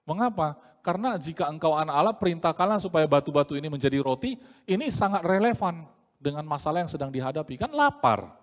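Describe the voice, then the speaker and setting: Male preacher, fairly high, animated, playful sermon delivery; reverberant hall sound. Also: quick pace. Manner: lively, jokey, acts out quoted voices.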